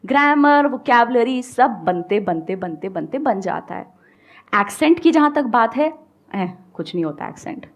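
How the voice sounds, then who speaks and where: A woman with an Indian accent giving an animated motivational talk on speaking English, mixing Hindi and English. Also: on the high side, moderate pace. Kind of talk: motivational talk with audience questions.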